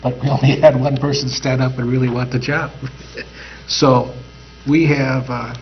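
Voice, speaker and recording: A man chairing a school board meeting, speaking haltingly with many uhs. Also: medium pitch, little pitch movement. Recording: dull audio with audible mains hum.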